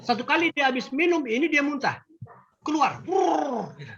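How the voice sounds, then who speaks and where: Older guy telling a testimony to a crowd, emphatic and animated, pitch jumping all over, muffled sound. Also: a little fast, slight background noise. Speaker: grandfather giving testimony. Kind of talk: testimony to an audience. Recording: dull lo-fi recording.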